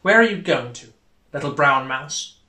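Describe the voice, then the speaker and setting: A man's voice: on the high side, expressive, normal speed, pushed and bright, echoey room. A man voicing a sly, hungry storybook fox who is easily spooked, inviting and questioning. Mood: inviting, curious.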